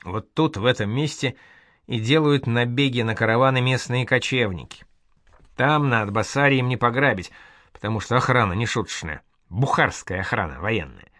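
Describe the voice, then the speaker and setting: A man voicing a calm old caravan leader. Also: medium pitch, normal speed, dry recording, clean studio sound, lightly acted. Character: older male caravan leader, calm and knowing.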